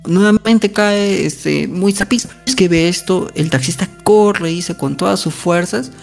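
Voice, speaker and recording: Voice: mid-range voice, a little slow, creaky, soft background music. A narrator casually retelling a ghost story in a conversational way, often tagging lines with questions and fillers.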